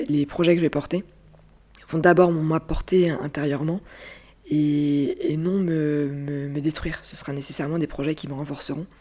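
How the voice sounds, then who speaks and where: Low-voiced, hesitant woman reflecting. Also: darkish tone. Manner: hesitant, searching for words with many pauses. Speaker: interview guest, activist. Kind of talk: reflective personal interview.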